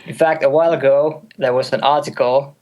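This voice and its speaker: A man's voice: mid-range voice, steady tone, brisk, darkish tone. A man in his twenties from Finland, a native Finnish speaker, talking in a casual interview on a call, hesitant with many fillers, restarts and light laughs. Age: 20s. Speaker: guest music producer. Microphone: call audio.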